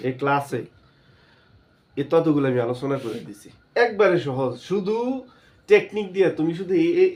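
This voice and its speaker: A man's voice: on the high side, a little mellow. A male chemistry teacher, giving a classroom lesson. He keeps asking his students questions and then answers them himself.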